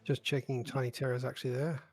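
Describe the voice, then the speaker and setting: A man with a froggy, croaky voice co-hosts a game stream in casual chat. His husky tone is full of gravel, and faint music plays behind him. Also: medium pitch, little pitch movement, fast, no echo. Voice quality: croaky, raspy. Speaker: stream co-host, lobby organizer.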